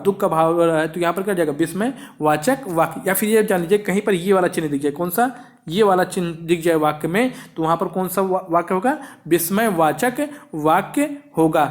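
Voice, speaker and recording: A man teaching an exam-prep grammar lesson, who keeps asking questions and answering them himself. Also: high voice.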